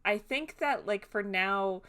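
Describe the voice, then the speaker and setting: A woman's voice: medium pitch, slow pace, fairly bright tone. A woman co-hosting a podcast in casual chat, rambling with many fillers and often breaking into giggles. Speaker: podcast co-host.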